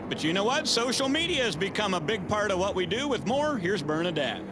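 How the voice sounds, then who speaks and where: A man's voice: sits high, sing-song, a little fast, noisy background. A man working as lead motorsport commentator, calling live races in an upbeat, polished broadcast delivery. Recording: music behind the voice.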